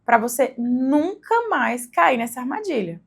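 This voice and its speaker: A woman's voice: high-pitched, very animated, measured pace, slightly rough. A woman with a Brazilian accent giving a conversational lesson to the camera, often checking in with tag questions. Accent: Brazilian Portuguese. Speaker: English teacher for mothers. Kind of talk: instructional video talk to the camera.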